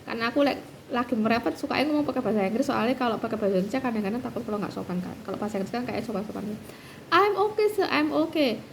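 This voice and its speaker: A woman tells a story casually to her viewers. Her voice sits fairly high, and she talks with many fillers and restarts. Faint room noise hums behind her. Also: racing, creaky, low-quality recording. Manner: lively, acts out quoted voices at a higher pitch. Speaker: vlogger and doctoral student.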